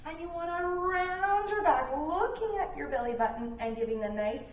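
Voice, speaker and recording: Here a children's yoga teacher with a very high-pitched voice and lively intonation speaks at a moderate pace. She reads a picture book expressively during a read-along lesson, guiding young kids with simple encouragement. Sound is echoey, distant-miked and noisy.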